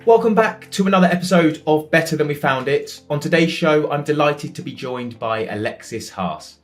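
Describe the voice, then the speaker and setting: A man's voice: a little high, lively intonation, moderate pace, soft background music. A man hosting a podcast, introducing his guest in an upbeat, welcoming way and asking questions with some fillers. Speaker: podcast host.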